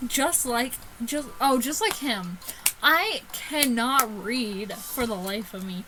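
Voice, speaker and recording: Reading a visual novel aloud, a gaming YouTuber keeps her let's play commentary casual and sweary, giggling and stumbling over the words. Her voice is on the high side and expressive, she takes it slowly, and there's a noisy background with music.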